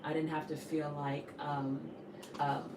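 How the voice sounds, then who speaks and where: A woman's voice: sits low, little pitch movement, a little slow. A woman hosting a conversation, giving personal testimony and asking questions, often repeating phrases for emphasis. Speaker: host. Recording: echoey room, distant mic, noisy background.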